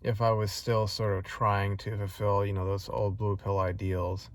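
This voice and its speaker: Brief: low monotone man, rambling earnest vlog talk full of fillers. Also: normal speed, slight background noise. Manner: rambling, many fillers and restarts; frustrated, earnest. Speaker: vlogger. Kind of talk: casual personal vlog monologue.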